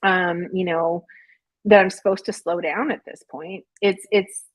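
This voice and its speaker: Brief: late-forties woman guest, husky tone, dry close sound, candid and reflective. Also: lowish voice, steady tone, unhurried, no echo, low-quality recording. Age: 40s. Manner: candid, reflective, self-deprecating. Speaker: podcast guest. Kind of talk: casual interview chat.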